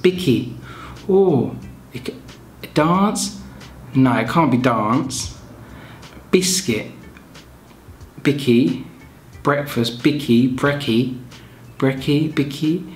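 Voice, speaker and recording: A man chatting casually to his viewers, self-mocking and thinking out loud. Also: on the high side, slow pace, long pauses, soft background music. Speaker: vlogger. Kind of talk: casual vlog chat. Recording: echoey room.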